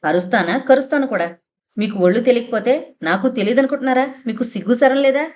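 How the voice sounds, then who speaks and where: A woman's voice: medium pitch, expressive, natural voice. Woman voicing a furious grieving mother. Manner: shouting, scornful, fast bursts. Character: grieving middle-aged mother, furious at husband.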